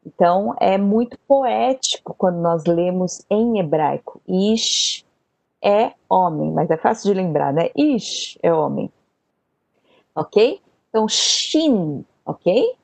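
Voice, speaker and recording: A woman teaching an online Bible language lesson, speaking slowly and patiently and repeating each word for her learners. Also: fairly low pitch, expressive, gravelly, a little mellow, no room sound. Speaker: Hebrew teacher.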